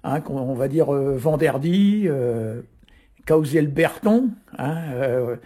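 A man's voice: mid-range voice, lively intonation, slow, dark tone, slightly rough. A man from Brittany explaining Breton words as a radio guest, in a hesitant, explanatory way with many fillers. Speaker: Breton language guest teacher.

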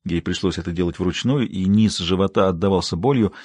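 A male audiobook narrator reading a novel in a steady, even storytelling delivery, recorded in a studio. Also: deep voice, a little fast, slightly rough, no echo. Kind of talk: scripted narration.

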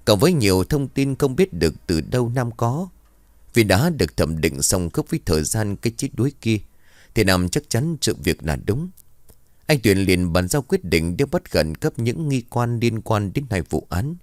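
A man's voice: on the low side, sing-song, moderate pace, no echo, clean studio sound. A man narrating a horror story in a dramatic storytelling manner.

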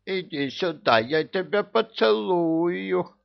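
A man's voice: high voice, animated, takes it slowly, gravelly, lo-fi sound, voice pushed up, exaggerated voice. A man voicing Koschei, a drunken, boastful immortal old villain with a coarse, blustering manner, in an audiobook. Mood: drunken glee.

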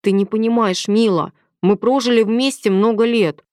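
A woman's voice: fairly high pitch, moderate pace, a little mellow, no room sound, clean studio sound, voice pushed up, close to an everyday voice. A woman reading aloud, voicing a tired, irritable lawyer in his mid-forties who sounds reluctant and guarded. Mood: weary. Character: weary middle-aged man, lawyer, forty-five.

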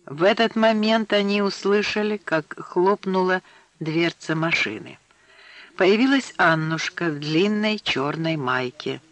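Slow, high-voiced male narrator. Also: fairly bright tone, no echo. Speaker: audiobook narrator. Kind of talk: scripted narration.

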